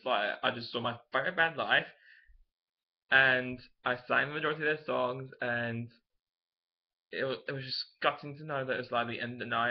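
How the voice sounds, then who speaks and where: Young guy, gushing vlog chatter, mid pitch, muffled lo-fi sound. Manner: chatty, filler-heavy, gushing. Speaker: vlogger. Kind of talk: casual excited storytelling.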